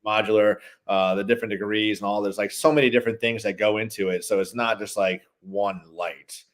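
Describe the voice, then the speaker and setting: A man chats in a casual interview, rambling through animated stories about his lighting work. His voice sits somewhat low, and he talks loosely, with many fillers. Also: quick pace. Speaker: guest, holiday lighting business owner.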